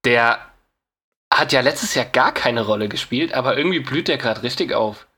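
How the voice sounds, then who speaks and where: A man of middle pitch co-hosts a football podcast in an easygoing, agreeable way. He often answers with brief yeses before building out his own point. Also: expressive, normal speed, bright, forceful tone, husky. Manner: easygoing, agreeable, short replies. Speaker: podcast co-host. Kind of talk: casual football chat.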